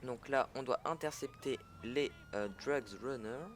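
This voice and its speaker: A man's voice: medium pitch, a little slow, slight background noise. A man giving a casual, chatty gameplay tutorial in French, often correcting himself as he goes. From French-speaking. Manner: chatty, self-correcting, fillers. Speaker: gaming tutorial creator.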